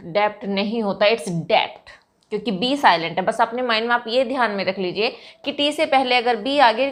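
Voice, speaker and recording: A woman teaches English pronunciation in an online class. Her voice sits a little high, and she explains each rule patiently, repeating words to correct common slips. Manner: patient, explains rules step by step and corrects mispronunciations.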